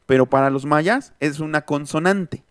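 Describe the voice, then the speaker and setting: A man's voice: on the high side, moderate pace, smooth, no room sound, clean studio sound. A man with a Mexican accent teaching an online linguistics class, thinking aloud and answering students' comments as he goes. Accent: Mexican Spanish. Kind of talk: online lecture. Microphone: close mic, online class.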